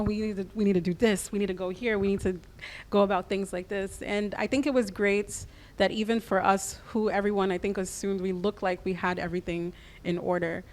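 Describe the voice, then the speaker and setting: A woman with a mid-range voice, raised in the United States, is interviewed on the radio. She explains her creative business in a practical, measured manner.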